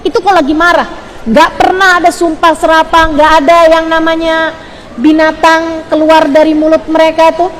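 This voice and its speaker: A woman's voice: very high-pitched, flat delivery, moderate pace, long reverb tail, slight background noise. A woman preacher giving an earnest sermon to mothers, speaking straight to her listeners and repeating phrases for emphasis. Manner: addresses listeners directly as mothers. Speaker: Islamic preacher. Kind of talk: sermon to women.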